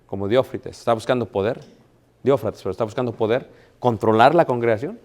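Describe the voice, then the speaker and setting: A man delivers a sermon as a preacher, mid-pitched for a man. He keeps it conversational, acting out quoted dialogue in his stories and asking the congregation rhetorical questions. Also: fairly quick, darkish tone.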